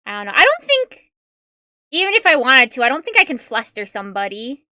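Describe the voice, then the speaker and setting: This woman's voice sits high, with big pitch swings and a sharp tone, and she talks a little fast. It's a clean studio recording with no room sound. Chatting casually on a livestream in a tiny, cute voice, she giggles a lot and rambles, full of fillers and corrections of herself.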